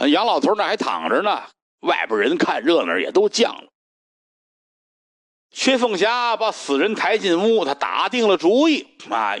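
Animated male storyteller. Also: on the high side, no echo, studio quality. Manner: animated, dramatic pacing. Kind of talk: traditional solo storytelling.

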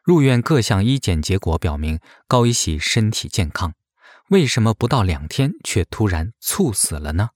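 A man's voice: fairly low pitch, very animated, moderate pace, a little mellow, no echo, clean studio sound. A man reading a grave, scripted investigative narration, posing suspicious questions.

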